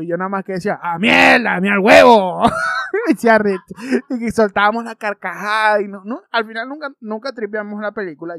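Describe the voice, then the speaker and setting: A man with a Maracucho Venezuelan accent telling crude comedic stories as a vlogger, animated and profane, with sudden loud outbursts. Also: high voice, no echo, clean studio sound. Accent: Maracucho Venezuelan Spanish. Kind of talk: comedic storytelling.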